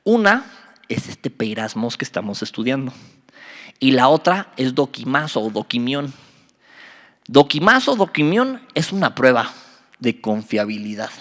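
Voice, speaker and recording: A man, a youth pastor teaching a Bible study, animated and joking, quizzing his listeners. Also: medium pitch, unhurried. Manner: animated, quizzes the audience, jokes. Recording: reverberant hall.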